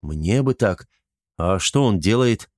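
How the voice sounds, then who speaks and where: A man's voice: on the low side, lively intonation, slow pace, a little mellow, no room sound, clean studio sound. A man voicing a bold, cheerful scout warrior, eager to please his lord.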